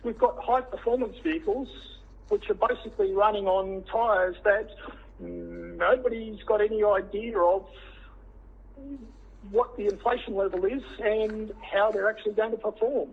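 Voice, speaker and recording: An Australian man with a croaky, froggy, hoarse voice gives measured, halting formal testimony over a teleconference line. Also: high voice, fairly even intonation. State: hoarse after throat surgery. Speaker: witness, director of a tyre safety body. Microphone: phone or teleconference line. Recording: tinny, band-limited teleconference line.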